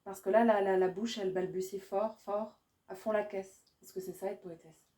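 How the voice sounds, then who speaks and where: A poet, a woman, giving a live reading of her poetry in a rhythmic, repetitive way, her voice swinging from loud bursts to hushed lines. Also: medium pitch, steady tone, normal speed. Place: small indoor venue.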